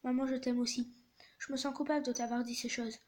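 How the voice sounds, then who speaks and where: A woman voicing a scared teenage boy lost on a train in a text-message story, anxious and pleading. The voice is high and light. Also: level tone, fast talker, a little mellow, lightly acted.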